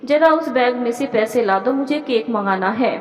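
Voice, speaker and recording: A woman's voice: a little high, expressive, moderate pace, reverberant, in a large hall, close to an everyday voice, low-quality recording. Woman doing a bossy older housewife. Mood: scolding. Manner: sharp, mocking, commanding.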